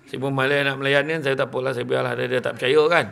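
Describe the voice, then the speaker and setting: Gravelly, bright-voiced Malaysian preacher man. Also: medium pitch, fast. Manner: animated, chatty storyteller who often laughs while talking. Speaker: Islamic preacher. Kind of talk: humorous storytelling talk to a live audience.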